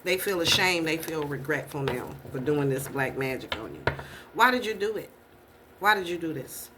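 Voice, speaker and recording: A woman's voice: low voice, expressive, normal speed. Woman, tarot reader, blunt, swearing, repeated questions, noisy recording. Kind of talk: casual tarot reading.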